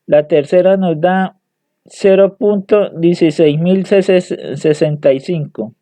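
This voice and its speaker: A man's voice: high-pitched, takes it slowly, mellow, no echo. A young man presenting homework, hesitantly reading out calculation results and often restarting his words. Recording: dry tinny phone-like audio.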